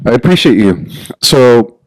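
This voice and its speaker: A man hosting a podcast, with a mid-range voice recorded close and dry. He asks his guest friendly questions in a relaxed, chatty way. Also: medium pitch, unhurried, no room sound. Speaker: podcast host. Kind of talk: casual podcast interview.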